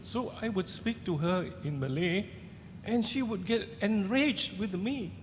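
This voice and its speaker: Speaking into a handheld mic, a Singaporean-accented man of seventy or more, an author on a festival panel, relates personal anecdotes haltingly, often searching for the right word. The indoor hall is large, the audience seated, and the recording carries echo plus rumbling noise.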